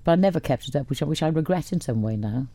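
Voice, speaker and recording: Loud music plays behind a deep-voiced woman from Wales, an older radio guest who talks about her life in a casual interview. She is animated and rapid-fire, rambling and restarting frequently.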